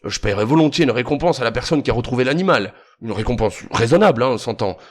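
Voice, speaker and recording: A man reading an audiobook, voicing a nervous burly sailor who speaks haltingly with fillers. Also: mid-range voice, animated, pitched above the performer's own voice, natural voice. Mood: insistent.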